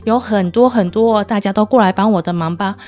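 A woman's voice: fairly high pitch, lively intonation, fairly quick, a little mellow. A woman voicing a stingy, fretful old grandfather in a children's story, fussing and exclaiming. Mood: excited. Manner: fussy, panicky exclamations.

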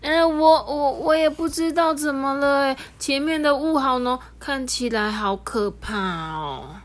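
Brief: a mother reading aloud as a shy little train engine, stammering, high and slow. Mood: frightened. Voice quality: stammering, hesitant.

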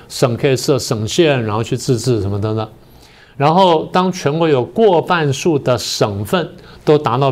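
A man's voice: mid-range voice, darkish tone. Older man lecturing step by step. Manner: methodical, explains step by step with many pauses. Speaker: political science professor, guest. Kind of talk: lecturing on a talk show.

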